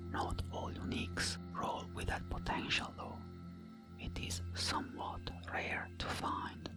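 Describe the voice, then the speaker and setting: A narrator giving a scripted game guide in a breathy, intimate ASMR whisper, close to the mic, measured and explanatory. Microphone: close microphone, ear to ear.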